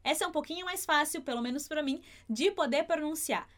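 A woman leads a language lesson in a high, light voice. She explains clearly and patiently, slowing right down whenever she demonstrates a sound. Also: a bit bright. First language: Portuguese. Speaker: Spanish pronunciation teacher.

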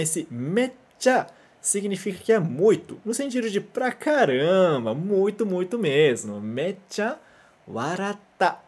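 Lively Brazilian woman teaching Japanese. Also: fairly low pitch, slightly rough. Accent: Brazilian Portuguese. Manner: patient, encouraging, checks in with "né?" constantly. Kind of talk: language lesson, repeat-after-me drills.

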